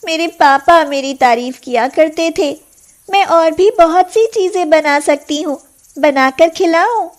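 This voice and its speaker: A high-voiced timid orphan girl. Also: unhurried.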